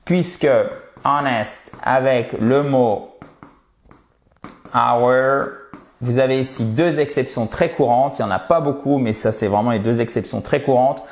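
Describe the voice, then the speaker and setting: A man teaching English in French, slowly explaining test answers and modeling pronunciation. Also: mid-range voice, reverberant. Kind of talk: French-language English lesson.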